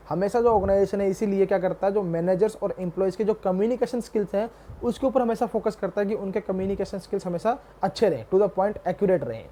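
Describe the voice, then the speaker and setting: A young man teaching a commerce class, reading English definitions slowly and then explaining them in a mix of Hindi and English while calling his students "beta". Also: sits high, mellow, slight background noise. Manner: addresses students fondly as "beta". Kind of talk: classroom lecture.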